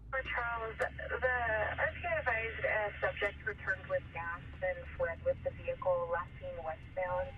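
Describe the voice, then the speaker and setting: A man's voice: high voice, unhurried, few pauses. Terse male dispatcher over police radio. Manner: flat, businesslike, terse. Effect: police radio dispatch heard over a scanner. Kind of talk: clipped dispatch calls full of codes. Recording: distant, lo-fi, noisy scanner radio.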